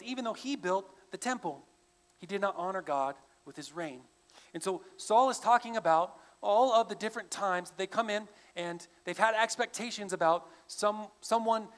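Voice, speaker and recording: High-voiced man preaching a sermon. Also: a bit bright. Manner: conversational, with frequent restarts. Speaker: pastor. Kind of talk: expository sermon.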